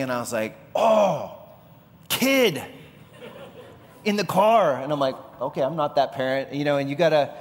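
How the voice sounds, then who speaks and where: A middle-aged male pastor preaching a sermon in a conversational, animated storytelling way. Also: mid-range voice, slight background noise. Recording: long hall reverb.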